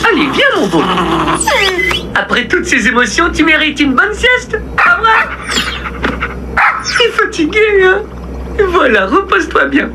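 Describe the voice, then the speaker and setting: Very high-pitched, cheerful little robot. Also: female voice, sing-song, measured pace, pauses often, heavy background noise, heavily acted. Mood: gentle. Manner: sweet, innocent, coaxing. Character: small, cheerful, affectionate child-like robot companion. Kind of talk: animated children's cartoon dialogue. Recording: loud music behind the voice.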